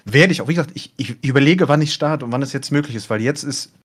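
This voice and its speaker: Lively male esports caster, swinging pitch. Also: breathy edge. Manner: deliberately rises and falls in pitch while telling. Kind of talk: casual podcast chat.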